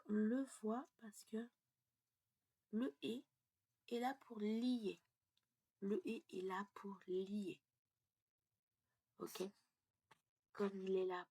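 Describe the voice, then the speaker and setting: A woman teaches French pronunciation in a slow, deliberate way, checking in often with her students. Her voice is gravelly and husky, and she slips into a breathy half-whisper now and then. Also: medium pitch, warm tone. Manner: explains step by step, checks in with "ok?". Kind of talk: casual lesson.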